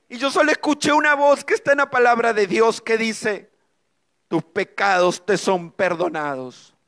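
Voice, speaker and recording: High-pitched middle-aged man, church testimony, emotional preaching with dramatic pauses. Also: sharp tone. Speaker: speaker giving a testimony.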